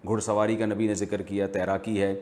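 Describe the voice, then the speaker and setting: A man speaking as an Islamic scholar, answering viewer questions in a measured, explanatory, teacherly way. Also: lowish voice, little pitch movement, a little mellow. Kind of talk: religious Q&A lecture.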